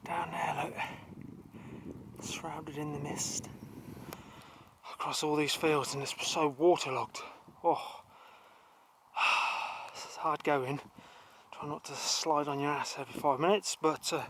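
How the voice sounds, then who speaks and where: A man's voice: fairly high pitch, steady tone, slow pace, long pauses, background noise. Chatty man filming outdoors. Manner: chatty, grumbling about the weather. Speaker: travel vlogger. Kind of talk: walking tour commentary. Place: outdoors on muddy fields in mist.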